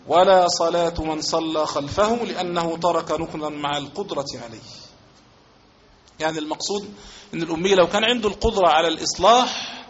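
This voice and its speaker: A man with an Egyptian accent gives a classroom-style religious lesson in a fairly high voice. He reads lines from a legal text and then unpacks them, repeating phrases and offering examples. The recording sounds dull and lo-fi. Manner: reads a passage aloud, then explains it with repetition and examples. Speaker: religious teacher.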